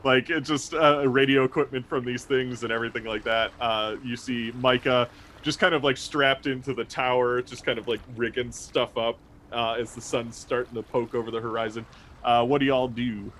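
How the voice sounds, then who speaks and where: A man improvising narration as game master of a tabletop game, in a casual, halting way. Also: medium pitch, steady tone, a bit bright, slight background noise. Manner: casual, halting, prone to laughing.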